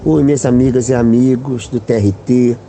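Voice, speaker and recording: A man, a philosophy professor, giving a thoughtful podcast monologue and slowing down on key words. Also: medium pitch, steady tone, music in the background, rough recording.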